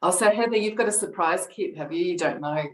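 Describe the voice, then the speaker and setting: A woman's voice: on the low side, a little fast. A woman hosting a casual video call, reading out viewer questions and giving short agreeing replies. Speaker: host. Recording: roomy echo over video call.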